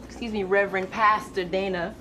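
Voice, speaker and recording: A woman's voice: mid-range voice, level tone, fairly quick, natural voice. An actress playing a challenging woman with dry sarcasm in a conversational comedy drama. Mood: sarcastic. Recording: noisy ambient background.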